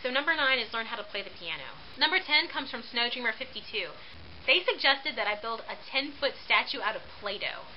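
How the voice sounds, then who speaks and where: A woman in her late twenties, vlogging casually to her viewers in a bubbly, playful, animated way. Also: on the high side, brisk. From Puerto Rican heritage. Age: 20s. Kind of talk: casual vlog to camera. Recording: dull lo-fi webcam audio with faint hiss.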